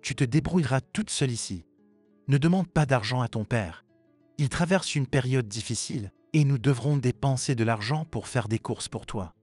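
Stern stepmother, man reading, storybook, cold and lecturing, dry, soft music. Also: mid-range voice, moderate pace, no echo, lightly acted. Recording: dry with faint music behind.

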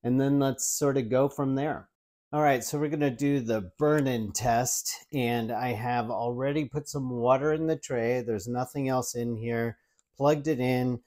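A tech reviewer in his forties chats casually through a product demo in his home kitchen beside an open window, wearing a lapel mic. His mid-range, warm voice keeps fairly even intonation at a measured pace, and he explains as he handles the device, with frequent ums and restarts.

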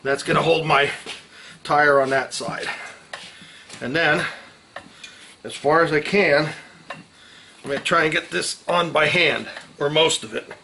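A middle-aged mechanic's fairly high, gravelly voice comes across pushed and bright at a measured pace, pausing often. He's hosting a casual tutorial in a garage with the door open, working a few feet from the camera and speaking in salty, folksy slang amid the clank of metal tools.

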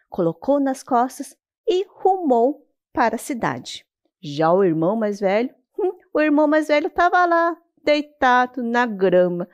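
Animated Brazilian woman telling a children's story. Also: a little high. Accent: Brazilian Portuguese. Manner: animated, dramatic pauses and sudden whispers.

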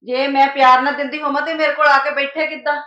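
A motherly mother-in-law, acted by a woman, with an Indian Punjabi accent, soothing one moment and gently scolding the next. Her voice is high and bright. The recording is roomy and a little dull. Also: level tone, quick pace. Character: firm but soothing middle-aged mother-in-law. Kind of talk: amateur family drama skit. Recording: roomy, dull-sounding room.

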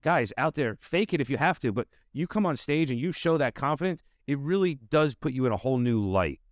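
A man's voice: medium pitch, lively intonation, brisk, no room sound. Middle-aged male podcast host, rambling filler-heavy delivery, desk mic, dry. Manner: rambling, full of "you know" fillers. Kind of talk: casual interview chat. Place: home studio with bookshelves. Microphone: desk mic on video call.

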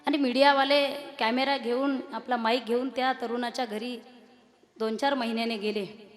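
A woman preaching a devotional kirtan sermon, impassioned and rising into loud declaiming. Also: a little high, steady tone, moderate pace, soft background music. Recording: long hall reverb.

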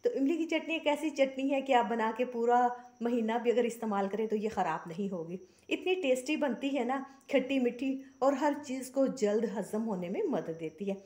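A woman from Pakistan hosts a cooking channel from her home kitchen, guiding viewers through a recipe step by step with homely chatter and blessings. Her voice is fairly high, warm, and animated, moving at normal speed with hardly any pauses.

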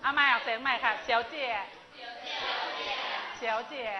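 Woman teacher quizzing her class, kinda high voice, muffled lo-fi sound. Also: fairly even intonation, noisy background. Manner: brisk, prompting students with quick questions. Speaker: Chinese language teacher. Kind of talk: classroom teaching, drilling pronunciation. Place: classroom full of students. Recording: dull lo-fi classroom recording with students chattering.

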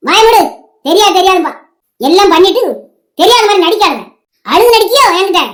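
A woman's voice: very high-pitched, expressive, fairly quick. A performer voicing a vengeful, scheming old village woman in a cartoon, speaking in a taunting, scolding way. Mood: scornful. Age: older. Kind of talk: animated cartoon voice acting.

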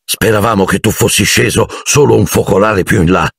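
A man voicing an excitable, enthusiastic middle-aged wizard father. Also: fairly low pitch, brisk, creaky, husky, no echo, clean studio sound, pitched above the performer's own voice. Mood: excited. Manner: excited, indignant bursts.

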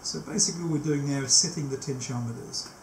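A technician in his sixties shows how to set up a tape machine in a small, cluttered indoor workshop, explaining each step unscripted and often pausing mid-task. His mid-range voice has a darkish tone. A camera mic captures it, with an echoey room and faint background noise.

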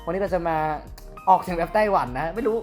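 A man's voice: high-pitched, fairly even intonation, quick pace, darkish tone, faint music behind. A young man, a university student, chatting casually as he teaches name pronunciation, laughing often. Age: young adult. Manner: switches between Thai and Mandarin, laughs often. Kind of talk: casual bilingual chat.

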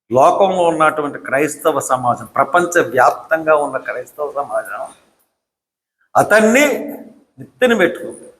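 In an echoey hall, a man with a fairly bright voice on the high side delivers a combative political speech. He's a political commentator, scolding through repeated rhetorical questions.

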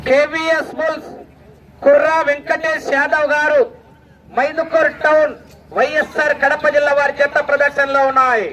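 Excitable male event announcer, very high voice, shouts and whoops, outdoor loudspeaker with faint noise. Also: moderate pace, low-quality recording. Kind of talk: live announcing and cheering at a bull pulling contest. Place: outdoor rural event ground.

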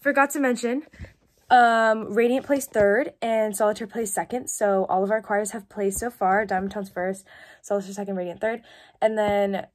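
A woman's voice: mid-range voice, steady tone, moderate pace. A teenage girl in casual vlog chat, chatty and rambling with lots of fillers, filmed on a phone. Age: teens. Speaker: vlogger, show choir member.

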